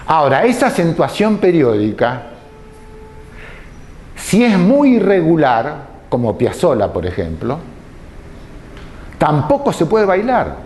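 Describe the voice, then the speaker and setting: A man giving a lecture, explaining slowly and deliberately and posing rhetorical questions to his listeners. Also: a little high, huge pitch swings, darkish tone. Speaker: tango lecturer.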